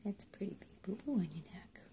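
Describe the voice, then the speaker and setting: A woman cooing to her pet in a soft, whispered baby talk. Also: medium pitch, quick pace. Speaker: pet owner.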